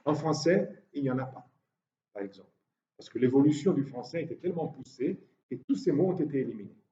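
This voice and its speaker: A man gives a university lecture in a lecture hall, his warm, mid-range voice lively in intonation and a little fast. He explains step by step with frequent hesitations, captured in a distant, roomy and dull-sounding recording.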